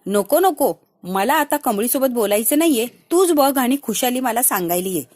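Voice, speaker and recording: A woman voicing a sick, weary older village aunt who speaks slowly and faintly. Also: a little high, animated, darkish tone. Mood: insistent.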